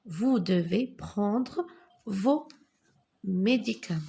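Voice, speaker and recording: A woman teaching a grammar lesson to children, patient and deliberate, spelling out each answer as she writes it. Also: medium pitch, animated, vocal fry, dark tone, slightly rough. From North Africa. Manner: slow, patient, spells out answers while writing.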